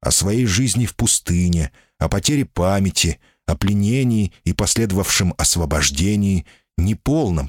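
A man reading an audiobook in steady, measured scripted narration. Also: low voice, husky, dry recording, clean studio sound.

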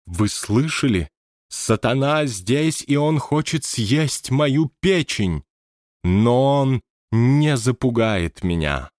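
A man's voice: medium pitch, animated, slow pace, darkish tone, no echo, clean studio sound, voice pushed up. A man voicing a theatrical, self-important woman medium who declaims melodramatically in an audiobook. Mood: melodramatic. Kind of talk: audiobook character voice.

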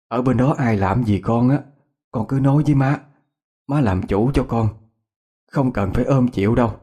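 A man's voice: mid-range voice, warm tone, lightly acted. A man voicing a worried, protective middle-aged mother, coaxing and scolding. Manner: coaxing, then sulky scolding.

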